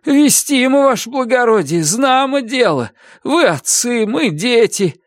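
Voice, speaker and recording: Brief: man reading as a desperate convict, high and whiny, voice leaping all over, dry close sound. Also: sing-song, unhurried, no room sound, full character voice. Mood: pleading. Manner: pleading, wailing high-pitched. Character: pleading male convict, begging, humble.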